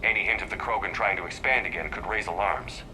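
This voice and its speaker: An actor playing a steadfast human military commander in a video game, firm and plain-spoken. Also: male voice, deep voice, fast, background noise, close to an everyday voice. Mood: measured.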